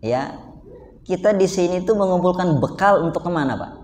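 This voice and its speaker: A man's voice: high voice, lively intonation, normal speed, darkish tone. A man preaching a casual, joking sermon to a live congregation, often turning to his listeners directly. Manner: jokey, keeps addressing listeners directly. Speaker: Islamic preacher. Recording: echoey hall with faint background noise.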